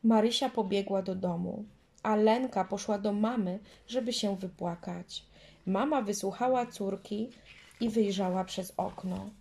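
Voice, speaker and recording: Woman, storyteller, children's story reading, gentle and measured, mid-pitched voice. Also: creaky.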